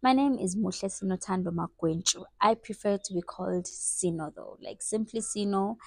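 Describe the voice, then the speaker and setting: This woman in her twenties, a vlogger from South Africa's Eastern Cape, has a mid-range, creaky voice and speaks at a moderate pace on a dry recording. In a casual get-to-know-me vlog, she's chatty and playful, teasing herself as she goes.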